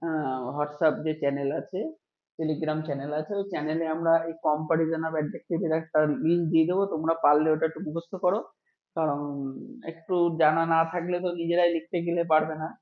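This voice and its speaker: Guy with a high voice teaching grammar, slow stretched-out example words, echoey dull recording. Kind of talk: classroom grammar lesson. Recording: echoey room, dull lo-fi sound.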